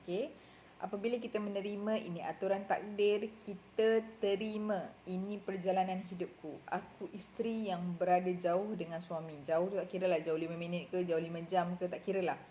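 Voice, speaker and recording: A middle-aged woman with a Malaysian Malay accent works as a marriage and relationship advisor and gives casual advice, chatting freely with lots of fillers and self-corrections. Her warm voice is on the low side, with a steady tone at normal speed, and there is slight background noise.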